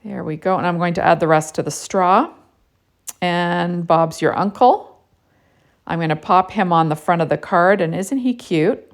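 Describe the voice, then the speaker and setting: In a chatty, casual card-making tutorial, a woman narrates with a fairly low pitch at a moderate pace. She sprinkles in plenty of "you know" and "right?".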